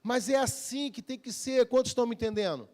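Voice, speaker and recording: A man's voice: extremely high pitch, fast, a little mellow. A man preaching a Sunday evening sermon as pastor, calling for amens and acting out everyday conversations. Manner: preaching with call-and-response, acting out everyday dialogues. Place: church service.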